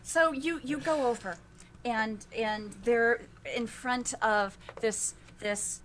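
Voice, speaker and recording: A woman leads a tabletop game as its game master, narrating slowly and stopping to restart her phrases. Her voice sits a little high. A faint noise floor hums under the recording. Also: fairly bright tone. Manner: slow, halting narration with many restarts.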